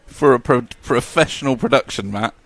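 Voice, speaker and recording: A man's voice: mid-range voice, normal speed, husky, no room sound. A man doing live race commentary, chatty and jokey as he reads out lap times.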